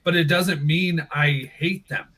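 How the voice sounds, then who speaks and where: A man's voice: on the high side, measured pace, bright, forceful tone. A man in casual conversation, earnest and hesitant, restarting as he explains his views. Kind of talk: casual chat.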